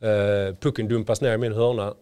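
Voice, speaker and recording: A man's voice: lowish voice, flat delivery, dark tone, clean tone. A man in his forties, a former player turned coach, telling anecdotes in a casual podcast and acting out what others said.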